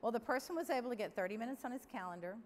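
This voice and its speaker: Middle-aged woman, keynote speaker, candid and lively, echoing big hall, faint room noise. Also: fairly high pitch, rapid-fire. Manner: lively, candid, addresses the audience directly. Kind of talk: conference keynote speech. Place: large conference hall.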